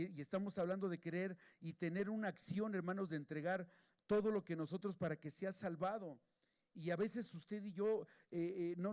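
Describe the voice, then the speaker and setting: A man preaching a sermon, moving between hushed, pleading passages and raised, emphatic ones. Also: high-pitched.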